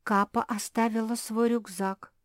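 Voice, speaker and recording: A woman's voice: on the high side, level tone, a little slow, dry recording, studio quality, voice pushed up, close to an everyday voice. A woman reading aloud and voicing a worried, chattering pug sister. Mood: fretful.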